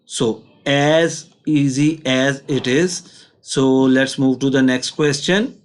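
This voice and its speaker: A man's voice: medium pitch, slow pace. A man with a Pakistani accent teaching a maths lesson step by step, in a patient, instructional way.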